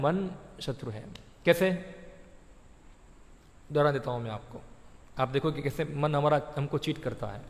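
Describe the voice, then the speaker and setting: A man giving a devotional sermon, asking his listeners questions and answering them himself, and acting out little dialogues. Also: a little high. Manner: acts out the mind's voice in little dialogues. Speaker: preacher. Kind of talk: Hindi devotional sermon on scripture. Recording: long hall reverb.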